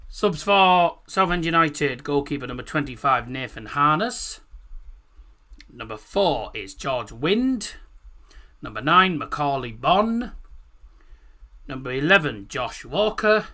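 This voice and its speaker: Slow-paced man who says w for r. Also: a little high, expressive, bright, forceful tone. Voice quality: speech impediment, says w for r. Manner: informal, deliberate on names, swears mildly. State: has a cold. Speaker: football watchalong host. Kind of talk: live stream announcing, reading out team lineups.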